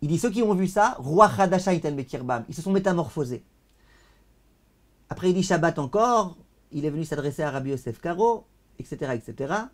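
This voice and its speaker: High-voiced rabbi teaching over video call. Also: male voice, a little fast. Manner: declaims passages loudly, then translates them in a calmer voice; repeats words while searching for them.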